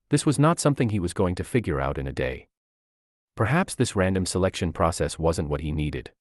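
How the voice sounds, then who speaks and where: A man narrating a fan fiction story aloud in an expressive, lively storytelling manner. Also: low-pitched, dry recording, studio quality.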